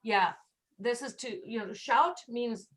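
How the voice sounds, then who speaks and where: A woman's voice: on the high side, slow pace, fairly bright tone. A woman teaching English pronunciation in an online class, patiently demonstrating sounds. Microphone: video call.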